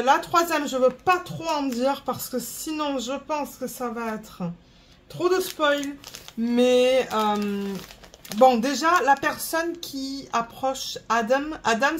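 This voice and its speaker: Chatty woman, higher voice. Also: slight background noise. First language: French. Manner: rambling, stops to search for words. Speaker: vlogger. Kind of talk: casual chat.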